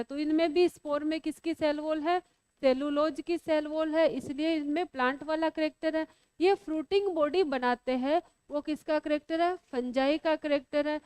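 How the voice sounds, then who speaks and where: High-voiced teasing biology teacher woman. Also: steady tone, moderate pace, a little mellow, no room sound. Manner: teasing, scolding, asks students questions. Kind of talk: classroom lecture.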